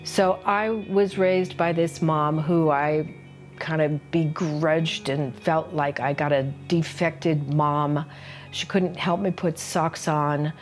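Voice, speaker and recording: An older woman with a low voice and an unhurried pace, teaching through a personal story. Her telling is earnest and confiding, and faint music plays underneath. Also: steady tone. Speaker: solo-performance teacher.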